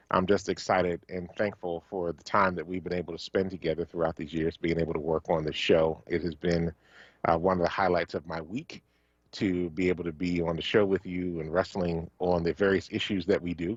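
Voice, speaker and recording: A very low-voiced man from Philadelphia talks on a radio show in a relaxed, halting way, full of "uh" and "um". The sound is dull and dry, like a close studio microphone. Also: no echo. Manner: halting, many fillers, warm thanks. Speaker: radio co-host. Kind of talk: casual radio talk.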